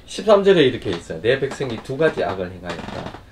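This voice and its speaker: Animated man preaching a sermon. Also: mid-range voice, fast, slight background noise. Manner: animated, conversational preaching with frequent "어?" prompts; swings between loud bursts and quiet asides. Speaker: pastor.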